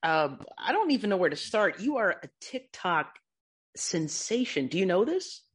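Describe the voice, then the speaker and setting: Woman host, husky, low-ish, lively, playful questioner. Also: moderate pace. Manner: loose and playful, jokes about being old. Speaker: interview host. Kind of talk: casual interview chat.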